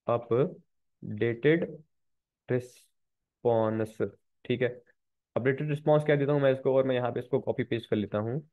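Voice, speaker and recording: Man teaching code, tinny lo-fi sound. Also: mid-range voice. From Pakistan. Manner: repetitive, talks students through code step by step. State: slightly sore throat. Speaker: programming instructor. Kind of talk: screen-recorded coding lecture. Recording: tinny phone-like recording.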